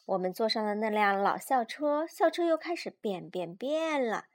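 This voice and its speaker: A young mother reading a picture book aloud to her child at bedtime, patient and animated. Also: a little high, normal speed. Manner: gentle, patient, animated storyteller.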